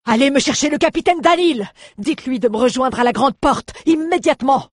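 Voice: mid-range voice, expressive, moderate pace, a bit bright, breathy edge, no room sound, clean studio sound, voice pushed up, full character voice. A narrator voicing a furious male army general who barks orders with contempt in an audiobook. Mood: shouting, furious. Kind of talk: audiobook character voice.

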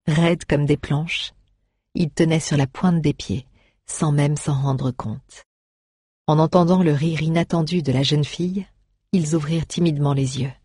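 A woman narrates a fantasy tale with a low, husky voice. Her reading is measured and expressive, and the recording is close and dry, with no room sound. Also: no echo. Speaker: audiobook narrator. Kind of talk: scripted storybook narration.

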